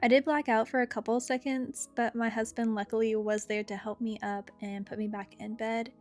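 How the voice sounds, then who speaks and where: Over background guitar music, a young woman narrates her own experience story-time style, sounding casual and chatty. Her voice sits a little high and has a darkish tone.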